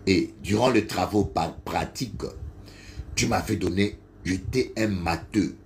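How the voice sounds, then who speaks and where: Brief: Congolese-accented male preacher, middle-aged, low and deliberate, testimony that builds to high cries. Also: a little hiss or hum. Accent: Congolese French. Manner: slow storytelling that swells to loud, high shouting. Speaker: bishop preacher. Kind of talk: sermon with personal testimony.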